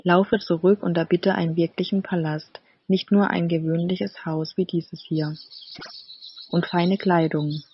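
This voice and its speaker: A woman's voice: fairly low pitch, fairly even intonation, unhurried, a little hiss or hum, natural voice. A woman voicing a nagging, greedy fisherman's wife who scolds and demands, in a storybook reading. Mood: scolding. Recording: slightly dull, dry recording.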